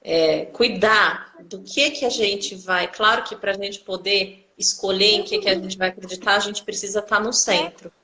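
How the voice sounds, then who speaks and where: A woman chatting on a live video call, telling personal stories in an animated way and acting out the people in them. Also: medium pitch, low-quality recording. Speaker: co-host of a live video conversation. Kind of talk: casual live conversation, personal storytelling.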